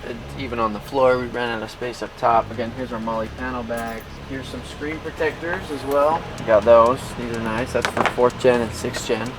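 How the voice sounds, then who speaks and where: A man's voice: medium pitch, fairly even intonation, moderate pace, hardly any pauses, background noise. A man talking casually and off the cuff as a manager walking someone through a workplace, pointing things out as he goes. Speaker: warehouse manager giving a tour. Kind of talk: casual walk-through tour talk. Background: background music.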